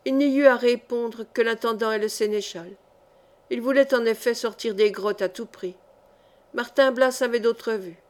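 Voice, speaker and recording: A woman reading a historical novel aloud as an audiobook, with steady, clear narration. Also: on the high side, normal speed. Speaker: audiobook reader.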